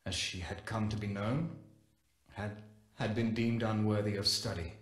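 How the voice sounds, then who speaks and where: Man voicing a male scientist, solemn game journal, measured delivery, lowish voice, roomy echo. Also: fairly even intonation, close to an everyday voice. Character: Corpus scientist recounting a wild animal. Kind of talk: scripted game audio-log narration.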